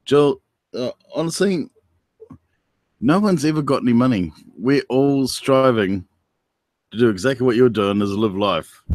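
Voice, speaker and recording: Hosting a casual stream with a New Zealand accent, a man teases viewers and talks to them by name, staying laid-back yet animated. His mid-range, darkish voice moves a little slowly with frequent pauses, and the studio-quality sound has no room tone.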